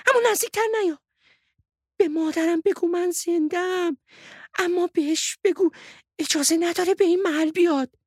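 A woman voicing an earnest young wolf raised among sheep, in a high child-like storybook voice. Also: darkish tone, no echo, clean studio sound. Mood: urgent.

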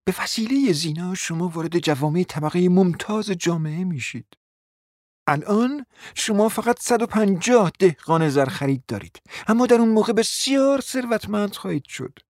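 A cunning, flattering provincial mother in a radio drama, coaxing in a smooth, persuasive voice that keeps sinking to a whisper. The sound is dry and close, with no room around it. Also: lowish voice, no room sound. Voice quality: coaxing, often drops to a whisper. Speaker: scheming mother. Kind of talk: radio play acting.

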